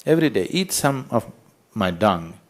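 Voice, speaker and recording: A man's voice: fairly low pitch, very animated, normal speed. A man doing an offhand, breezy bull. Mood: nonchalant. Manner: offhand, matter-of-fact. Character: nonchalant male bull giving breezy advice.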